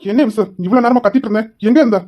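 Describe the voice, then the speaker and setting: A woman's voice: a little high, fairly even intonation, very fast, highs cut off, close to an everyday voice. A woman voicing a stern young husband who is a police officer, firm and lecturing, in an amateur family drama. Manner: firm, lecturing, shouts for his wife.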